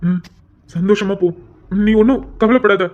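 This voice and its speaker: A man voicing a gentle, protective older brother who soothes his tearful sister in a cartoon. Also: sits high, normal speed, dull audio, close to an everyday voice. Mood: soothing. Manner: soothing, reassuring. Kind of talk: Tamil cartoon voice acting.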